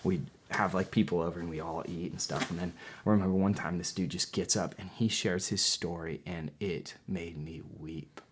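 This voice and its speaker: A young man talks casually with a slightly low voice, packing his speech with fillers and restarts. He tells stories animatedly, playing out what people said. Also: moderate pace, a little hiss or hum. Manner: animated storyteller, acts out quotes loudly; filler-heavy, many restarts. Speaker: podcast guest. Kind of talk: casual conversation.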